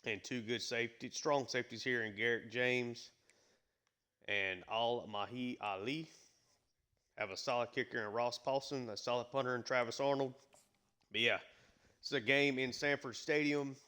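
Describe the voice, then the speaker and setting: A man's voice: mid-range voice, fairly even intonation, moderate pace, sharp tone, smooth. A man with the hiccups giving casual play-by-play commentary on a football video game, with lots of fillers. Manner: conversational, filler-heavy, hiccuping. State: has the hiccups. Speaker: gaming YouTuber.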